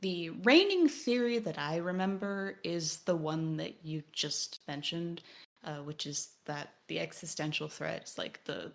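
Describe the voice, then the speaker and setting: A podcast co-host with a low voice and vocal fry talks through a video game, thinking aloud in an analytical, wordy way and partly reading text out loud.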